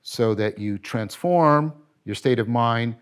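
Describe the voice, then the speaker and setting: A middle-aged man giving a philosophy lecture, animated and emphatic, often correcting himself and asking rhetorical questions. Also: medium pitch, slow, clear, resonant tone.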